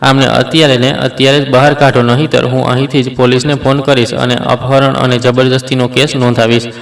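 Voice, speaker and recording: A man's voice: medium pitch, little pitch movement, brisk, gravelly, natural voice. A man voicing a fierce betrayed old mother. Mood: urgent. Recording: roomy echo, mic at a distance.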